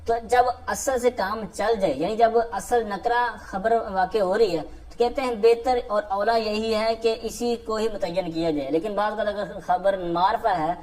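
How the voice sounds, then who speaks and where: A woman teacher with a Pakistani Urdu accent patiently explains a classical grammar text, restating each point and pausing on fillers. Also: medium pitch, fairly even intonation, darkish tone.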